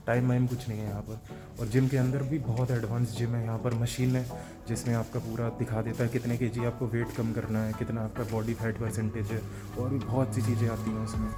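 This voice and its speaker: Young Indian man vlogging over loud music. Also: medium pitch. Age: young adult. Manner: chatty, explaining as he walks. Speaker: vlogger, medical student abroad. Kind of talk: casual vlog narration. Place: outdoors in the cold and inside a gym.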